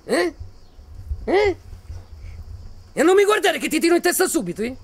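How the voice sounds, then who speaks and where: An actor playing a volatile, menacing militiaman who taunts and mocks, then bursts into shouting. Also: very high voice, big pitch swings, normal speed, vocal fry, heavily acted. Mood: furious. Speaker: soldier threatening a journalist. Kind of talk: film acting.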